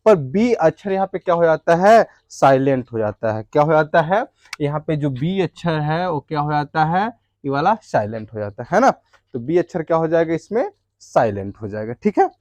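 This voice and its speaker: Male teacher, slightly high voice, dry close sound; drills a class with questions, answers them himself, repeats each point. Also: sing-song, normal speed, darkish tone, no echo. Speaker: English teacher. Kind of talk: classroom lesson explaining English words.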